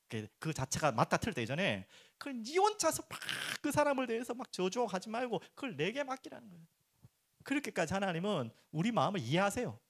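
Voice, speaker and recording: A middle-aged man preaching a sermon as pastor, turning expressive when he acts out prayers and dropping soft and low for earnest points. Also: breathy edge. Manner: animated, acts out prayers and complaints in raised voice.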